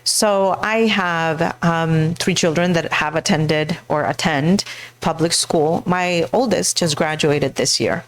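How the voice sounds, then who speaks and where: A middle-aged woman from Mexico speaks earnestly into a handheld mic, introducing herself as a school board candidate. Her voice sits low, and she pauses often, restarting sentences as she feels her way along. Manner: earnest, halting, with many fillers and restarts. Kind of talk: personal speech to a live audience.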